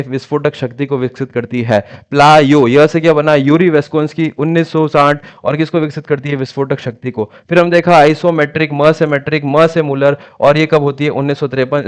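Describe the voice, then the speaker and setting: A man's voice: on the high side, clean tone. A young man from India teaching an exam-prep lesson, asking rhetorical questions and answering them himself. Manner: calls students "bhaiya" and "sir"; repeats key names in a drilling chant. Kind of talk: exam-prep lecture with memory tricks.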